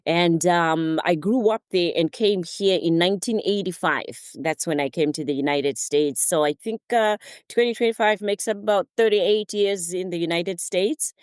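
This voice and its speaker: A middle-aged woman from Zimbabwe, a therapist and motivational speaker, telling her story as a guest in a relaxed interview, laughing now and then. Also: fairly low pitch, moderate pace, few pauses, clear, resonant tone, no echo, studio quality. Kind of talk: casual interview talk.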